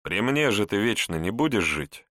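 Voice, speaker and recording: Calm lecturing prince in an audiobook, read by a man, low voice, slow, dry sound. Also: dry recording. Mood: instructive. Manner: instructive, wry. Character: young prince, calm and instructive.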